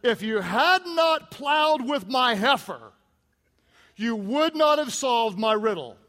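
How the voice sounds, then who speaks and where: A man's voice: high-pitched, expressive, unhurried, fairly bright tone, in a large hall. A man voicing a boastful young biblical strongman in a sermon retelling. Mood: indignant.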